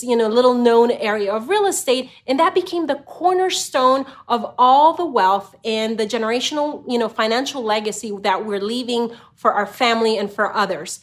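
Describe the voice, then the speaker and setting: A middle-aged woman from Honduras, a real estate investor who hosts her own channel, speaks to camera in a slightly high voice. Her delivery is easy and conversational, often filling pauses with "you know," as if telling her own story.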